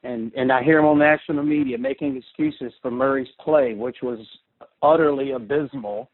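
Fired-up radio show caller on a tinny phone line. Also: male voice, medium pitch, fairly even intonation, normal speed, breathy edge. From US East Coast. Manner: fired-up, rambling, repeats words. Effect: call-in caller heard over a phone line. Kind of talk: fan call-in rant.

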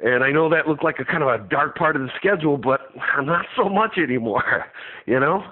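A man's voice: on the high side, expressive, fairly quick, husky. A man from Chicago calling in to a radio show over the phone, chatting casually and cheerfully as a fan. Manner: upbeat, chatty, laughs between points. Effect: phone line of a call-in show. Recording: tinny phone line.

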